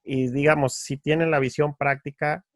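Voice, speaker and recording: A man's voice: a little high, flat delivery, normal speed, no echo, clean studio sound. A man hosting a conversation who speaks in a friendly way, with some hesitations and self-corrections. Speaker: podcast host. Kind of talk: casual podcast conversation.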